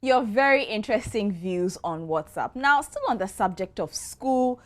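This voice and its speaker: A woman's voice: mid-range voice, lively intonation, normal speed, soft background music. A woman with a Ghanaian accent presenting and narrating a news programme from a script. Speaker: presenter and reporter.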